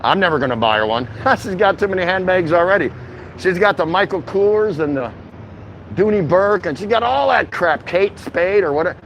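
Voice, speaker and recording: Walking outdoors through a city shopping district, a higher-voiced man vlogs live, chatting in an easygoing, rambling, slangy way and greeting viewers by name. His tone is fairly bright and animated at a normal speed, though the highs are cut off. City noise and passing traffic surround him.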